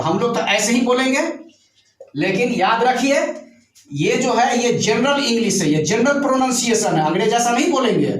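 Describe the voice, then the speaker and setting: A male teacher with a notably high voice lectures his class, walking through each point step by step and repeating key words slowly. He is picked up from a distance, so the sound is roomy and echoing. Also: a little hiss or hum. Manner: addresses students with checking questions.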